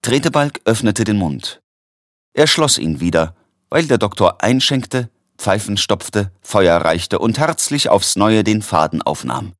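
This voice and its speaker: A man narrating a story in an expressive audiobook reading. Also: on the low side, unhurried, dry recording, clean studio sound.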